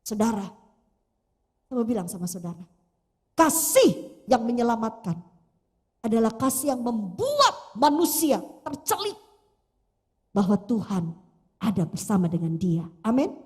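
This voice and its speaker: Brief: woman pastor, lively sing-song sermon delivery, addresses the congregation head-on. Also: fairly high pitch, measured pace, long pauses, breathy edge. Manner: animated storytelling, addresses congregation directly. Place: church. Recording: long church reverb.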